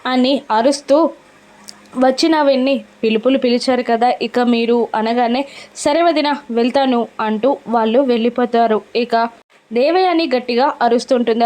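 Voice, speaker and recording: A woman's voice: a little high, a little mellow. A woman narrating a recap of a TV serial episode, telling it steadily and lifting her voice slightly for the quoted lines.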